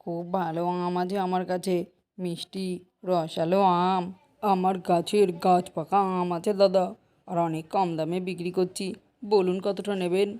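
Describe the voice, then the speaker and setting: In Bengali cartoon voice acting, a woman plays a poor village mango seller who pleads and bargains to sell her fruit in a persuasive mood. Her natural voice is lowish and mellow, with flat delivery at normal speed.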